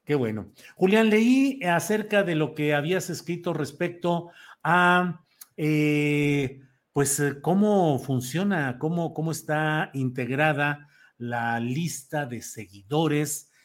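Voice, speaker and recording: A man with a Mexican accent hosting a live talk show unscripted, halting and repeating words as he searches for phrasing. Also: on the high side. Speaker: host of a news talk show.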